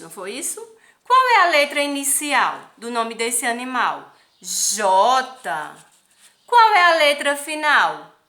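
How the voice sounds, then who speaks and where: Lady teacher talking real slow to little kids, bright voice, echoey room a bit off mic. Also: sits high, far from the mic. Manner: asks many questions, counts aloud, tag questions like "não é isso?". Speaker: primary school teacher. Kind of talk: slow, patient literacy lesson for young children.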